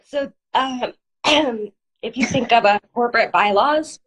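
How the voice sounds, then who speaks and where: Woman lawyer, guest on a live stream, has a cold, clears her throat, explains step by step with fillers. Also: on the high side, slow pace, a bit bright, poor audio. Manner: plain explanatory, uses hedging fillers. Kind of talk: live interview, explaining legal steps. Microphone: online video stream.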